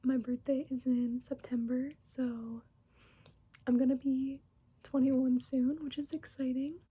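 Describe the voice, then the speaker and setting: A woman in her twenties chatting in a soft whisper for an ASMR get-to-know-me video, unhurried and giggly, close to the microphone. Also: sits high, level tone, slightly rough, no room sound, poor audio. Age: 20s. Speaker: ASMR creator. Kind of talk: soft-spoken ASMR chat.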